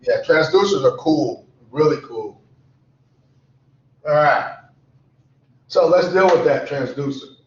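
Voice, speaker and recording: A tired, sleepy man teaching a lecture class, repeating definitions slowly so students can write them down. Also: a little high, expressive. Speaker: college instructor. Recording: echoey classroom, dull lo-fi sound.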